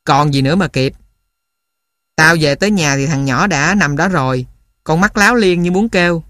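A man reading a story and voicing a gruff, blunt older guerrilla man. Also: fairly high pitch, moderate pace, a bit bright, dry recording, clean studio sound, natural voice. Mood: rueful.

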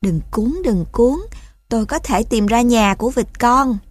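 Kind bird, high and loud calls; woman reader. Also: unhurried, no echo, clean studio sound. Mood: comforting. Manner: loud calling out. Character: kind bird calling out loudly while flying.

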